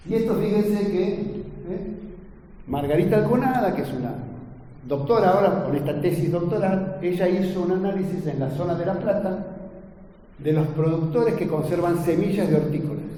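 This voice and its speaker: A man's voice: sits high, animated, moderate pace, mellow. Man lecturing in an echoey hall. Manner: earnest, addresses the audience with frequent tag questions. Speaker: agronomy lecturer. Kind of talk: academic lecture to an audience. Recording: echoey lecture hall, faint ambient noise.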